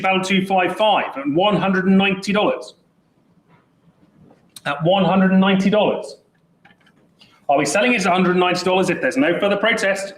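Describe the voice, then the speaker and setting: High-voiced auctioneer calling bids. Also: male voice, roomy sound, poor audio. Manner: brisk, chatty bid-calling with jokes. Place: auction saleroom.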